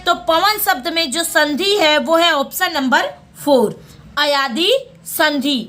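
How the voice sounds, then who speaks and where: A woman teaching a Hindi exam lesson, going through questions and repeating each answer back as a quick question and reply. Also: sits high, sharp tone, soft background music.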